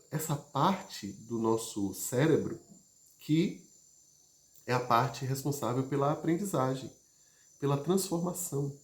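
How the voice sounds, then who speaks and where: A man leading a live session, moving between loud emphasis and soft, gentle speech. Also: medium pitch. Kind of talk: live talk to an audience. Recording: roomy, echoey sound.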